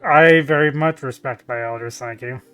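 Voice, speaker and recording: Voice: medium pitch, fairly bright tone, clean tone, faint music behind. A tabletop game player chatting and joking, laughing often. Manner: laughing, quick joking asides. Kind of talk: casual tabletop game chat.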